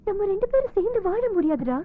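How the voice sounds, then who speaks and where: A high-voiced emotional woman in her thirties. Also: very animated, fast. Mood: scolding. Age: 30s. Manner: emotional, scolding then tender. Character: single woman in her thirties, caring yet firm. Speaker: dubbing actress. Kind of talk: dubbed film dialogue. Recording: tinny lo-fi film audio with music score.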